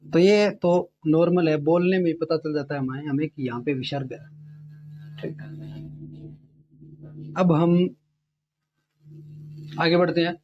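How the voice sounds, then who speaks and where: A man's voice: a little high, dull audio. A man teaching a Hindi grammar lesson for exam preparation, explaining step by step and often checking in with his students. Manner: repeats sounds slowly to demonstrate them.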